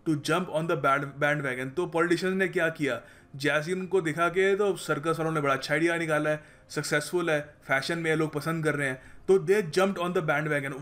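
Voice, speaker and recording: An Indian-accented man teaches English idioms in a relaxed, explanatory way, his voice sitting a little high. He keeps checking in with his listeners, and he slows right down to read out the English example sentences. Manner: conversational, explanatory, checks in with "ठीक है"; reads English example sentences slowly and deliberately.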